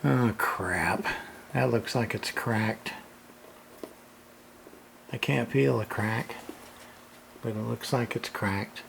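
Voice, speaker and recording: A hobbyist radio repairer gives casual, hands-on unboxing commentary, muttering and grumbling to himself with some mild swearing. His mid-range voice is slow, with vocal fry and long pauses, and the noisy home recording picks up handling clicks.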